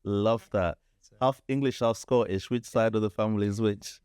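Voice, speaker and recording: Male podcast host, playful banter, smooth clear voice, dry close sound. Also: on the low side, fairly even intonation, moderate pace, a little mellow, no echo. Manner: playful, hype, teasing banter. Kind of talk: casual podcast chat.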